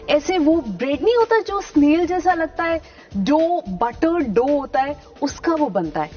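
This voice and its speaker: A woman's voice: high-pitched, muffled recording. An Indian woman teaching pronunciation in a playful, chatty way, spelling words out letter by letter. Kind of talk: casual teaching lesson.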